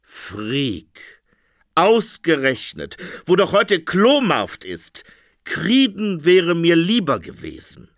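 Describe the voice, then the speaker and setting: Male reader doing a moody phoenix king for a storybook, theatrical, high and lively, dry close sound. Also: slow pace, dry recording, full character voice. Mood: dismayed. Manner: theatrical, exclaiming and sighing.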